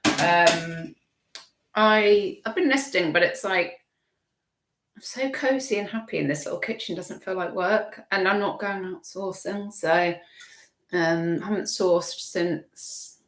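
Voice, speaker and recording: British woman, lower voice, rambling casual chat, self-interrupting, echoey home kitchen. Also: slow. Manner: chatty, self-interrupting, warm chuckles. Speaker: reseller hosting a live stream. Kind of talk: rambling casual chat, reading viewer comments.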